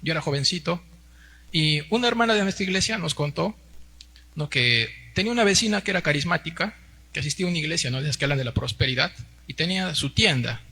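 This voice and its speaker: At a quick pace, a fairly high voice with lively intonation, vocal fry and a slightly rough, pushed, bright quality carries a Sunday sermon. The preacher is a Peruvian pastor in his forties speaking Peruvian Spanish, who peppers his speech with tag questions and calls the congregation brothers.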